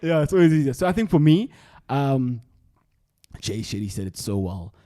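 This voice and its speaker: A man's voice: mid-range voice, sing-song, moderate pace, warm tone, no echo, studio quality. A young man with a South African accent hosting a podcast in casual, slangy chat, often repeating his phrases. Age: young adult. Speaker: podcast host.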